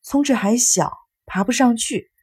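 A woman's voice: mid-range voice, lively intonation, normal speed, a little mellow, slightly rough, no echo, clean studio sound. A woman voicing a stubborn teenage girl, an older sister who speaks firmly and insists on her way. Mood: insistent. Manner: firm and insistent.

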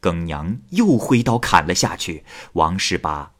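Man telling an old ghost story, husky low voice, swings up and down a lot. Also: a little slow. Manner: highly expressive, dramatic rise and fall. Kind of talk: storytelling of a classic ghost tale.

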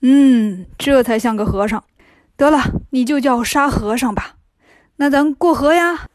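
A woman voicing a gentle, fussy male monk master in a storybook reading, mild in manner. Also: high voice, measured pace, dry recording, studio quality.

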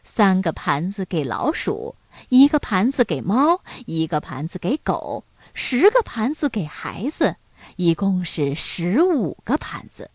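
A woman reading a children's picture book aloud, expressive and playful with sound effects. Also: fairly low pitch, a little slow, dry recording. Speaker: storyteller.

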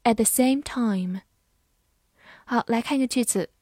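A woman teaching English vocabulary, spelling words letter by letter and modelling slow repetitions. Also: fairly high pitch, warm tone, no room sound, studio quality. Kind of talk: vocabulary lesson, spelling and slow read-alouds.

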